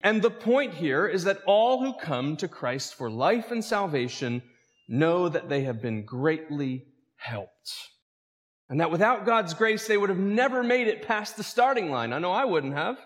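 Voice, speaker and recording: Man preaching with a lively, rising voice. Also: high voice, unhurried, long reverb tail. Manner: lively preaching with calls to the congregation. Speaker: pastor. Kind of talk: sermon.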